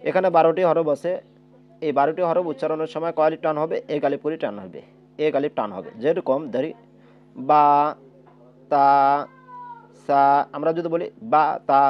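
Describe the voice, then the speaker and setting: A man teaching Quran letter reading. He asks his own questions and answers them, and he draws out the letter sounds to show them. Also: a little high. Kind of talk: step-by-step lesson with drawn-out letter demonstrations. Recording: dull lo-fi sound.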